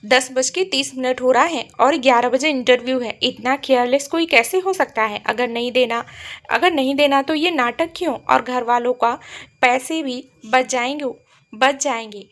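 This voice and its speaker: A woman narrating a romantic love story, reading every character's lines in her own voice and slowing softly at tender moments. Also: sits high. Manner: reads all the characters' lines in her own voice, slow and soft at tender apologies.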